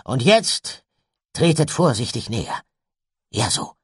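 A man's voice: medium pitch, sing-song, slow, slightly rough, dry recording, clean studio sound, pitched above the performer's own voice, full character voice. A man reading an audiobook, voicing a stern, secretive uncle who commands in a raised voice.

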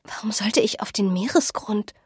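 A woman's voice: mid-range voice, normal speed, slightly rough, no echo, whispered, clean studio sound. A woman reading as a puzzled young woman. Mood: pressing.

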